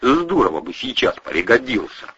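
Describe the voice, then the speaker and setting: A man reads an audiobook with wide, animated swings of pitch and a bright, forceful tone. His voice is husky, and the recording sounds dull and lo-fi. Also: moderate pace. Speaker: audiobook narrator. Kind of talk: audiobook narration.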